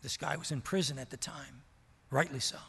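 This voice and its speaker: An older man preaching a sermon, telling a story with passion and swinging from loud to hushed. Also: mid-range voice, fairly even intonation, a little fast, gravelly, breathy edge. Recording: long reverb of a large hall.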